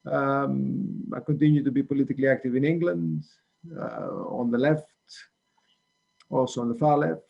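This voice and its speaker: A man's voice: medium pitch, moderate pace, gravelly, dull audio. A man in his sixties, born in Greece, answering interview questions thoughtfully, with many ums and restarts. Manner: hesitant, frequent ums and restarts. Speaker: economics professor, interview guest.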